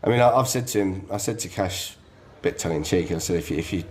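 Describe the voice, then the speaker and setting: Low-voiced football fan. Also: male voice, fast talker. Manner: animated, laughing, swears casually. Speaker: podcast co-host. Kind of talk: casual chat. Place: pub.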